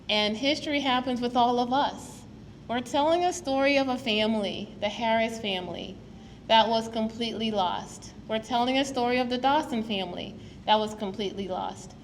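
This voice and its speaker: A woman from Guyana gives an earnest, storytelling public talk to an audience as a preservation advocate at a museum. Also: a little high. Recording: long hall reverb, faint noise.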